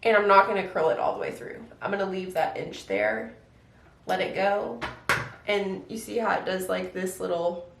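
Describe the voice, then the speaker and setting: A woman's voice: mid-range voice, background noise. A young woman, a stay-at-home mom, chatting casually through a step-by-step get-ready-with-me routine at home. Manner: chatty, relaxed, step-by-step how-to with lots of "like". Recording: echoey room, voice a bit distant.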